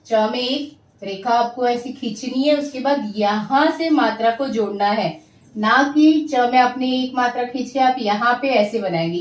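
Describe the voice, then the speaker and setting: A woman teacher slowly sounding out syllables and words, loud and clear for pupils to repeat after her. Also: on the high side, distant mic. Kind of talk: Hindi vowel-sign lesson for children. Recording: echoey room, voice set back from the mic.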